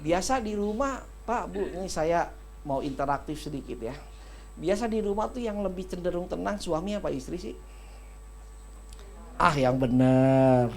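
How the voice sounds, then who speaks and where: Animated joking male pastor. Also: sits high, moderate pace, creaky. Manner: animated, joking, calls for amens. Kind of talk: lively comic sermon. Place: church service.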